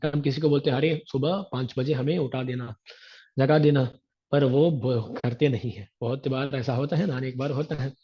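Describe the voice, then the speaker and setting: Religious teacher guy explaining verses w everyday examples, a bit high voiced, muffled lo-fi audio. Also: breathy edge. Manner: recites scriptural verses slowly. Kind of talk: devotional discourse explaining verses. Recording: dull lo-fi recording.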